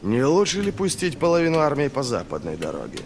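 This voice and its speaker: A man voicing a sullen, sarcastic general in an audiobook, speaking slowly with grudging contempt. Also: medium pitch, huge pitch swings, gravelly, a little hiss or hum, voice pushed up. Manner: slow, quiet, grudging sarcasm.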